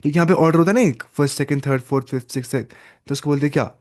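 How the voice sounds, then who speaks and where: A man's voice: on the high side, a little mellow, no room sound. Patient male Arabic teacher, dry sound. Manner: explains slowly, switching between Urdu, Arabic and English, often repeating words. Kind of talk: online class teaching.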